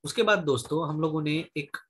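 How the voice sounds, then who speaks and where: A man giving a casual English lesson in Hindi, slowly drilling word lists and repeating "friends" and "okay" often. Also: fairly high pitch, fairly bright tone, breathy edge. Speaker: English teacher.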